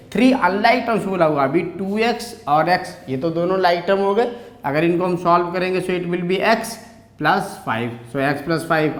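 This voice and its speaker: An Indian-accented male maths teacher gives a lesson in a noticeably high voice. He talks at an unhurried pace, dictating definitions word by word before explaining more briskly. The echoey room gives his voice a roomy ring. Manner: switches between slow dictation and quick explanation.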